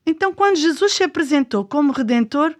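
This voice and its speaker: A woman with a European Portuguese accent and a high voice co-hosts a children's programme. She delivers scripted, conversational storytelling with an inquisitive, expressive manner. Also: fairly quick.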